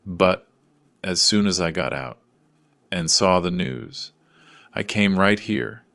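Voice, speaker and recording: A man's voice: low voice, slow, vocal fry, a bit bright, dry recording, clean studio sound, full character voice. A man voicing an elderly male doctor in his eighties, a loyal old friend speaking earnestly.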